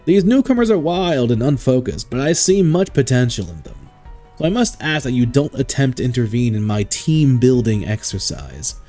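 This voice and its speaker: A man's voice: mid-range voice, very animated, mellow, faint music behind, natural voice. Man reading as a lofty archangel. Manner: formal, measured and grand.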